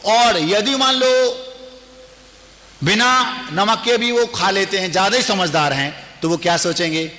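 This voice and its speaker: A man, a Jain monk, giving a lively, humorous sermon and acting out little household dialogues. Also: high-pitched, measured pace, big-room sound.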